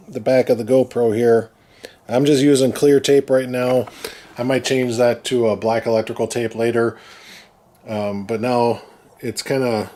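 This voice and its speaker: A man's voice: medium pitch, warm tone. A man giving casual, informal vlog explanations about his gear, thinking aloud in a hesitant way. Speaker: vlogger testing his camera gear. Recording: faint background noise.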